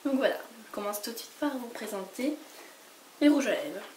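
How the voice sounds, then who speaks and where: A woman from France with a sick, hoarse voice, chatting casually through a makeup haul and rambling with lots of fillers and restarts. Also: fairly high pitch, very animated, normal speed. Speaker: beauty vlogger. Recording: noisy home recording.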